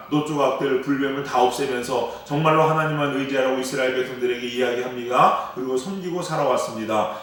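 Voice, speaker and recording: A man's voice: mid-range voice, a bit bright. A man preaching an early-morning sermon as pastor, who asks his congregation rhetorical questions, answers them himself and keeps speaking to them directly. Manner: keeps addressing the listeners directly. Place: church sanctuary. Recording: very echoey hall, voice far from the mic.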